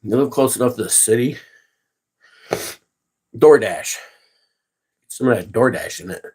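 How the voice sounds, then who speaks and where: A man's voice: mid-range voice, lively intonation, unhurried, a little mellow, breathy edge. A man hosting a casual livestream, chatting with viewers and ranting with heavy profanity. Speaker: livestream host.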